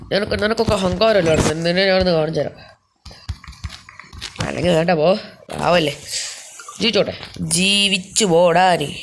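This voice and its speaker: A young man commenting on his gameplay, chatty and quick to shout, talking to his viewers from home. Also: sits high, slight background noise. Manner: chatty, keeps calling out to guys; jumps into loud excited shouts. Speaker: gaming YouTuber.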